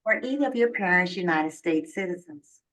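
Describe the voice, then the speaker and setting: In a video heard from afar, an actress takes the role of a formal immigration officer handling an interview. She proceeds in a measured, procedural way. Her voice is on the low side and fairly bright, with lively intonation.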